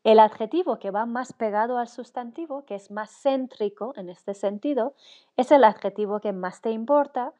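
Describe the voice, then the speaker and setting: Woman, university lecturer, mellow warm tone, step-by-step explaining, frequent fillers. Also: fairly high pitch, normal speed. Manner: explains step by step, often checks with "¿no?".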